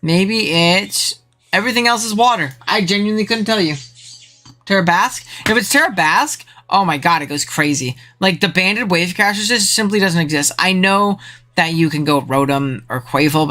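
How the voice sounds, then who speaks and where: Excitable casual stream commentator. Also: moderate pace. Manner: excitable, slangy, voice jumps high when thrilled. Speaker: streamer commentating a video game league.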